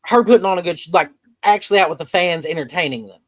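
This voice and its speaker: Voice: medium pitch, fast talker, no echo, poor audio. A podcast host recapping wrestling shows in casual, rambling talk full of fillers.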